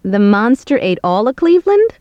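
A woman voicing a mellow young woman in a course dialogue. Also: on the high side, very animated, moderate pace, dry recording, lo-fi sound. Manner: clear, careful everyday speech. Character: young woman chatting about bills with her roommate. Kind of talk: scripted dialogue for a language course.

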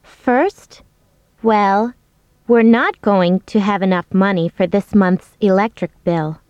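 A young roommate in a language-course dialogue, voiced by a woman, clear and expressive. Her voice is fairly high and her pitch moves a lot. The recording is dry and a little muffled. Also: measured pace, dry recording. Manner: expressive, clear scripted delivery. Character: young woman roommate explaining unpaid bills.

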